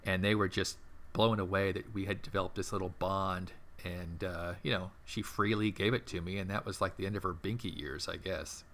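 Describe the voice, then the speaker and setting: A middle-aged man with a very low, gravelly voice that still has a bright, forward edge. He tells long stories in a casual interview, rambling and animated, full of restarts and fillers. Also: moderate pace. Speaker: interview guest, former theme park entertainment manager.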